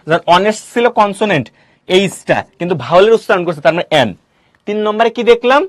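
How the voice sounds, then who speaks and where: A male teacher giving a classroom grammar lecture, quizzing students with quick questions and answering them himself. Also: high-pitched, lively intonation, no echo, clean studio sound.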